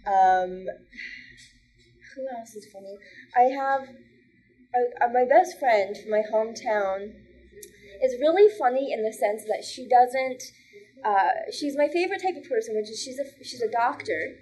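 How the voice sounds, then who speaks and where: A woman's voice: fairly high pitch, lively intonation, a little slow, mellow, a little hiss or hum, low-quality recording. Chatty woman comedian with filler words. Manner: chatty, frequent "like" fillers, laughs often. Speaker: stand-up comedian, podcast guest. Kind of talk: casual podcast chat.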